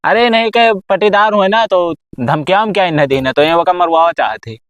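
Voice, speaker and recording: A man's voice: high-pitched, expressive, a little fast, fairly bright tone, dry recording. A man with an Awadhi accent playing a pushy, cajoling village go-between in an amateur comedy sketch. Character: pushy village go-between arranging a contract killing.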